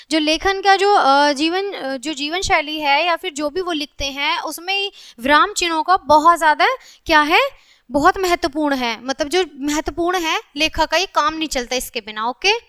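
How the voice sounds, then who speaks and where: Woman teaching kids grammar, high bright voice, dry close sound, keeps checking in with the class. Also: no room sound. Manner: repeats "ठीक है" as a check-in, reads example sentences aloud. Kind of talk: classroom grammar lesson for children.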